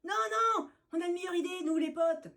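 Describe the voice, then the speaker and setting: A woman voicing a rowdy gang of mangy alley cats who jeer in shrill shouts. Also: slow pace, full character voice.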